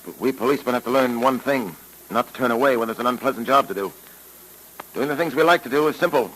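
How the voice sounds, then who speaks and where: A man voicing a calm, firm police detective in an old-time radio drama, with a mid-range male voice and measured, authoritative delivery. The old broadcast carries a faint hiss behind it. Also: mid-range voice, close to an everyday voice, rough recording. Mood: earnest. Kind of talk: 1940s radio drama acting.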